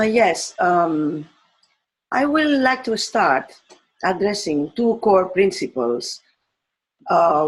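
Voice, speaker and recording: A woman from Spain, a teacher giving a slow, thoughtful talk on education, pausing often and restarting her phrases. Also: mid-range voice, low-quality recording. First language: Spanish.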